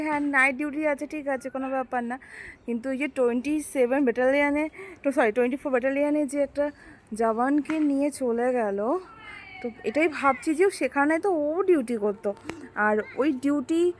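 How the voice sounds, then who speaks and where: Soft-spoken unwell young woman outdoors. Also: fairly high pitch, a little hiss or hum. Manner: quiet and subdued, with many hesitations. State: unwell, speaking softly. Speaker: vlogger. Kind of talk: casual vlog chat. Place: sitting outdoors.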